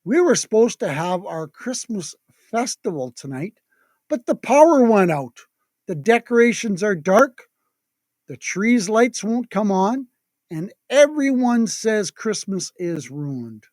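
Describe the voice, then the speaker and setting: A storyteller puts on an earnest little girl from a storybook. She speaks softly and wistfully, with a dry, close sound. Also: medium pitch, big pitch swings, takes it slowly, no room sound. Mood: sad. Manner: soft, wistful. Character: sad, earnest, soft-spoken little girl.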